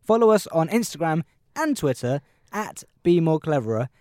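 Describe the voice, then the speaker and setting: A co-host on a casual pub-recorded podcast, excitable and cheerful, answering quiz questions. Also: medium pitch, normal speed, no room sound, clean studio sound. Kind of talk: casual chat.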